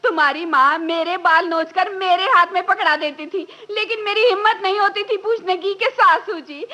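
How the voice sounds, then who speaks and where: A woman's voice: extremely high pitch, normal speed, sharp tone. A woman playing a melodramatic, scheming middle-aged mother-in-law in a comic radio play. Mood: lamenting. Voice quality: wailing, melodramatic.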